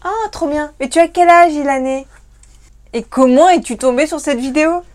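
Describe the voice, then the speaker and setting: This high-voiced French woman co-hosts a livestream while tipsy from wine. The talk is casual, and she is chatty, quick-spoken, and full of laughter.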